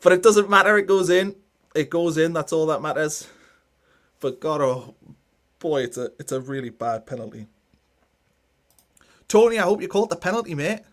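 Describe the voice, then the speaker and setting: A man's voice: on the high side, expressive, moderate pace, pauses often, fairly bright tone. A man hosting a football watchalong, chatting casually about the match, teasing and cheering.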